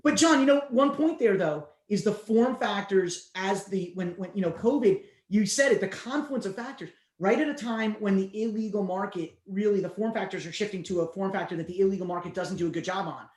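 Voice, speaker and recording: A man's voice: high-pitched, brisk, hardly any pauses. A man speaking as a cannabis investor in a casual podcast discussion, teasing and bantering. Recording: echoey room.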